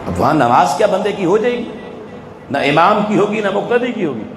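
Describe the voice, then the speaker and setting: Before a live audience in an echoey event hall with faint ambience, a religious speaker with a Pakistani Urdu accent gives a sermon. His high-pitched voice is very animated, he presses listeners with rhetorical questions, and there's slight background noise.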